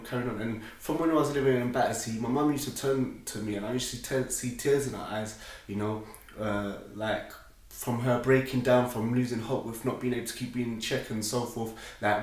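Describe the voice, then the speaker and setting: A man with a South London accent tells his personal story informally, in a fairly low voice with little melody. His phrasing is slangy and halting, often circling back on itself. The recording is heavily echoed. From South London, England. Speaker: speaker telling his conversion story. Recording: echoey room, distant microphone.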